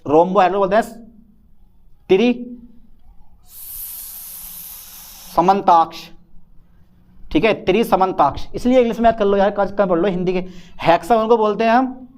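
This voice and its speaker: Man, high voice, Hindi accent, playful chatty chemistry lecture. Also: a little mellow, clear, resonant tone. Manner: chatty, playful, addresses students as beta and sahab. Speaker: chemistry teacher. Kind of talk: chalkboard lecture.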